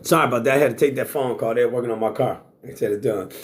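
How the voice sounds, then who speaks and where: A sixty-year-old man talks straight to the camera in a blunt, boastful way, swearing freely and circling back to the same points. His voice sits at a middle pitch for a man. It is a casual, unscripted monologue. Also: fast talker. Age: 60s. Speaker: vlogger.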